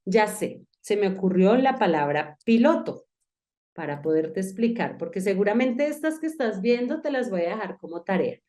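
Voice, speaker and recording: A woman's voice: medium pitch, expressive, moderate pace, warm tone. A woman, an English teacher walking one student through pronunciation step by step. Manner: patient, talks to one learner, spells out each step. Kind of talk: online class with a whiteboard.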